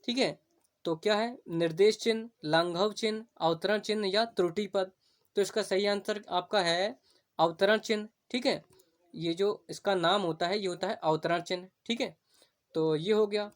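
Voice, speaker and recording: A woman teaching an exam-prep Hindi grammar lecture. She explains step by step, keeps checking in with her students, and slows down to spell out her examples. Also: medium pitch.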